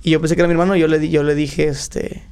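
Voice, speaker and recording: A man's voice: on the high side, rapid-fire, smooth, soft background music. A man with a Mexican accent, a podcast guest telling stories in slangy casual chat. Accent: Mexican Spanish. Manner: slangy, animated storytelling.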